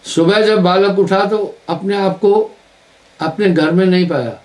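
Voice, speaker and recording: His high-pitched voice holds a steady tone and moves a little slowly as he preaches at a live spiritual gathering. This satsang teacher weaves stories and reinforces ideas by repeating words emphatically.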